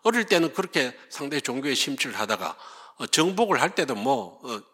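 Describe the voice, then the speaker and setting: A man tells history as a lively story, his pitch climbing and dropping freely. His tone is bright and forceful. The voice carries a long reverb, as from a lecture hall. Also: a little fast. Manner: lively storytelling, acts out quoted speakers.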